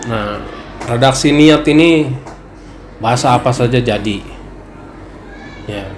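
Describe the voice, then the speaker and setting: A relaxed male religious teacher at a study session speaks in a mid-range voice, chatty and easygoing. He now and then mimics people asking him questions. The room sounds echoey, with a faint noise underneath. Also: medium pitch, slow pace. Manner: relaxed, conversational, acts out questions from worshippers. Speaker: ustaz teaching Islamic law.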